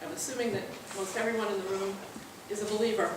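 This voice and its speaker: A woman's voice: mid-range voice, little pitch movement. Distant woman introducing a speaker, very echoey. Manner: halting, unscripted. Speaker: event host introducing a speaker. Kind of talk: informal spoken introduction. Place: indoor lecture room, recorded from afar. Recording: very echoey room, distant mic, background noise.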